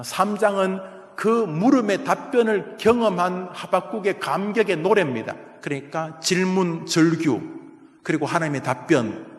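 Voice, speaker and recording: A male pastor preaching a sermon, passionately acting out the prophet's cries of lament. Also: fairly high pitch. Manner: impassioned, acts out cries of lament. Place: church sanctuary. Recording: echoey church hall.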